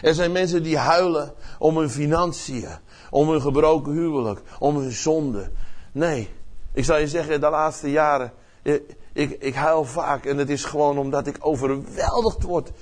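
An older man preaching a sermon with passion, swinging from loud outbursts to hushed words and often repeating words as he searches for phrasing. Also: on the high side, moderate pace. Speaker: pastor.

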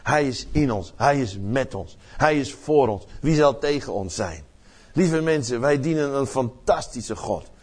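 An older man preaching a sermon with passion, swinging from loud outbursts to hushed words and often repeating words as he searches for phrasing. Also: medium pitch, expressive, a little slow. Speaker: pastor.

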